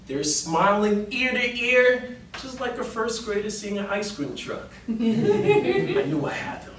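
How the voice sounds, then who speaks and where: A man giving a storytelling speech to an audience, animated and dramatic, with emphatic rises. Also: high-pitched. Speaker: public speaker. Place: meeting room before an audience. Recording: roomy hall sound from a distant mic with faint noise.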